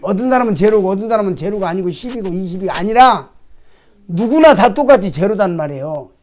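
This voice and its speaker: Male pastor, high-pitched voice, conversational sermon delivery with rhetorical questions. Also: animated, fast, a little mellow. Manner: conversational preaching, frequent rhetorical questions to the congregation; acts out prayers and imagined dialogue with God.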